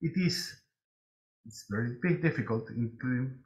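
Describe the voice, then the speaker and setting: A man with a Chilean Spanish accent, a native Spanish speaker, giving a conference presentation in English with frequent halting pauses. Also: mid-range voice, a little mellow. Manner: halting, many filler pauses.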